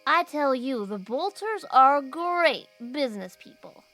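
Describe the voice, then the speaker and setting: A woman voicing an excitable, cheeky little boy who chatters eagerly and boasts. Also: sits high, a little slow, faint music behind, voice pushed up, heavily acted. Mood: excited chatter.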